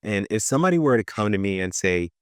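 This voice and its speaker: This venture capital partner, a Ghana-born man in his thirties who grew up in Brooklyn, shares personal stories as a conversational interview guest and repeats phrases for emphasis. His lowish voice moves fast and smoothly with big swings in pitch. The recording is dry, with clean studio sound.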